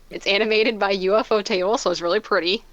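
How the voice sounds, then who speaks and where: A young woman co-hosting a podcast, talking in an ordinary mid-range voice recorded close and dry. She keeps it relaxed, slips in deadpan jokes and giggles at them. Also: medium pitch, fairly quick, no echo, dull audio. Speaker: podcast co-host. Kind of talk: casual chat.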